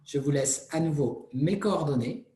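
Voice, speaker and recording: A man's voice: a little high, measured pace, dark tone, echoey room. Earnest French man giving a talk. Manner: earnest, repeats phrases, restarts words. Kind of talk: motivational presentation.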